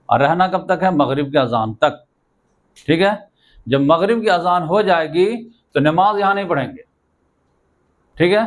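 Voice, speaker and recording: Male teacher, fairly high voice; lecturing, asks questions, then answers them himself. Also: fairly bright tone. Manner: quizzes listeners and answers himself; repeats checking "okay?" often. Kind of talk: classroom lesson with questions.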